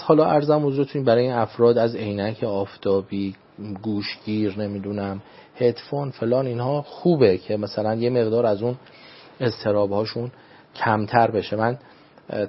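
A man speaking as a religious adviser on a talk show, in a formal, measured way, often repeating set phrases. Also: mid-range voice, highs cut off. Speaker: religious speaker giving advice. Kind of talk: radio talk show guest.

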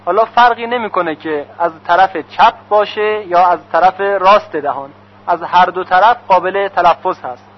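High-voiced man teaching Quran recitation. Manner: recites slowly and drawn out, then explains briskly. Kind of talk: tajweed pronunciation lesson. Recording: dull lo-fi recording.

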